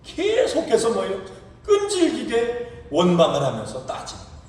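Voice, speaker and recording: Male pastor, lively swooping delivery, voice a touch high, heard from afar in a reverberant sanctuary. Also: moderate pace. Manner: animated preaching with rhetorical questions. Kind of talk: sermon. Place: church sanctuary. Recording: echoey hall, distant mic, faint hiss.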